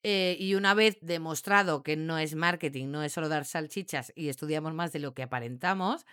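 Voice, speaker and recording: A woman talks about training dogs in a lively, joking, casual way. Her voice sits on the low side for a woman. The sound is dry and close, with no room echo. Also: brisk, smooth. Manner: animated and jokey, mimics barked commands. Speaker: dog trainer. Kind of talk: casual explanatory talk.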